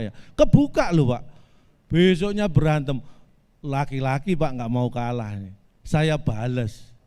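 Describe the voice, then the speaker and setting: Deadpan Indonesian comedian, mellow voice. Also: male voice, a little high, smooth. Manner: deadpan, absurd twists, addresses audience as Bapak Ibu. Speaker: stand-up comedian. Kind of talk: deadpan comic monologue. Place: virtual family gathering.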